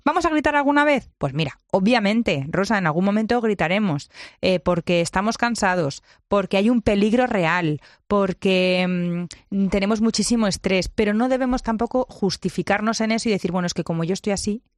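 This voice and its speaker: Una mujer con acento de España que da consejos de crianza con énfasis, imitando frases de otros. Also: female voice, mid-range voice, moderate pace, no echo, studio quality. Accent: Spain Spanish. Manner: lively, emphatic, acts out quotes. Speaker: parenting guest expert. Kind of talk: conversational advice.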